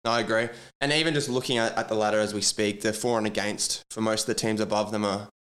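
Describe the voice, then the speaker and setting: A man's voice: fairly low pitch, steady tone, fast, a bit bright. An Australian man hosting a sports podcast in casual chat, with a blokey, matey, slangy manner like a tradie.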